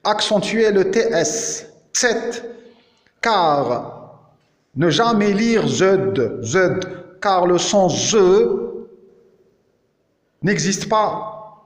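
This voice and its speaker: A man with an Algerian French accent giving a slow, deliberate pronunciation lesson as a teacher, repeating each word several times. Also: high voice. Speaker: language teacher. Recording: echoey hall with long reverb.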